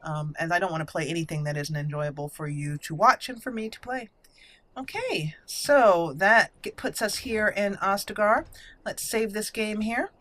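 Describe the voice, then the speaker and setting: At a moderate pace and medium pitch, with a fairly bright tone, a woman offers casual commentary on a video game as a let's play host. She muses to herself and explains her choices as she plays.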